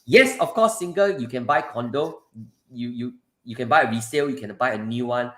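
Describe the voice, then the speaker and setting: A man's voice: medium pitch, brisk, fairly bright tone. A man with a Singaporean accent hosting a casual live advice stream, conversational and repetitive, speaking straight to his viewers. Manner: repetitive, conversational, often addresses listeners directly. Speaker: live session host and property adviser. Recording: roomy, echoing sound.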